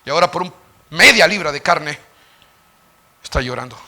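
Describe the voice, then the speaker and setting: A man preaching a sermon as pastor, asking the congregation questions and acting out Bible figures with sudden shouts. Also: a little high, animated, moderate pace. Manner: dramatic, acts out Bible characters with sudden shouts; questions the congregation and answers himself. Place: church sanctuary.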